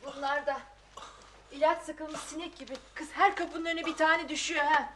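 A middle-aged actress playing a loud, gossipy, cold-hearted working-class mother in a sitcom, exclaiming and scolding, full of folksy sayings. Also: high-pitched, fairly even intonation, normal speed, a little hiss or hum. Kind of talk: sitcom acting.

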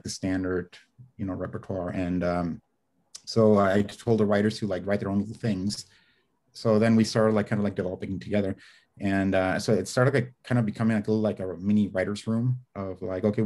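A screenwriter guest, a native Spanish speaker, rambles through a casual video-call interview from his home study lined with bookshelves. His voice is lowish and a little mellow, full of fillers and restarts as he gestures. The audio comes through a webcam mic.

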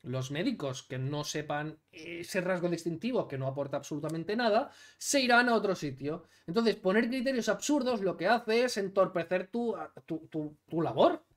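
A Catalan man in his thirties sits indoors in a small room lit by blue LEDs, delivering an opinionated commentary video on clips. His high-pitched voice is animated and indignant, and he speaks emphatically at a normal speed with few pauses.

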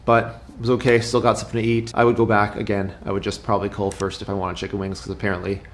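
A man's voice: fairly low pitch, completely flat delivery, quick pace, noisy background. Chatty man telling road stories. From Canada. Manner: chatty, storytelling, joking asides. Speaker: motorcycle travel vlogger. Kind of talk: casual travel vlog narration.

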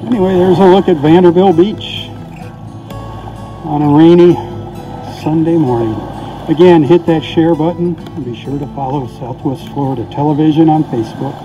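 A man's voice: a little high, moderate pace, dark tone, soft background music. A man giving a casual, folksy beach report outdoors in the rain, his voice tinny and muffled because the camera sits in a weatherproof housing. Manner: easygoing and folksy, signs off with blessings. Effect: tinny, muffled audio from a camera in a weatherproof housing. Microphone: camera mic inside a weatherproof housing.

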